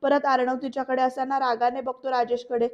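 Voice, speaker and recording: A woman's voice: high voice, level tone, fairly quick, highs cut off. A woman narrating a dramatic recap of a TV serial episode, talking straight to viewers and acting out the characters' lines with emphasis.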